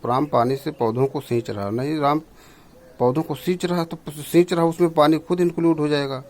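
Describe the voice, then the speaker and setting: A man's voice: a little high, steady tone, normal speed, a little mellow. Man teaching grammar for exams. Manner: explains step by step, checks answers aloud. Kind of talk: exam prep lesson.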